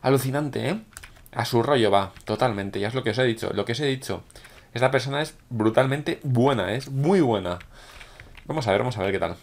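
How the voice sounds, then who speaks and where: A man from with a hoarse voice, chatting excitedly to viewers while commentating his own gameplay. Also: mid-range voice, fairly quick. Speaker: gaming YouTuber.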